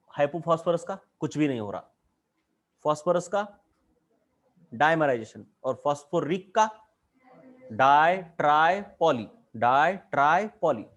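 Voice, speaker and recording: A man with an Indian accent teaching chemistry in a classroom lecture, drawing at a board and asking the class question after question. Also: on the high side.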